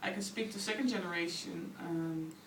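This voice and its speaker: A Dutch woman in her thirties from the Netherlands, an anthropologist, appears as a guest on a radio interview, talking quickly and chattily in a Dutch accent and saying "like" often. Her voice is fairly low in pitch. The poor audio is reverberant, far from the mic, with slight background noise.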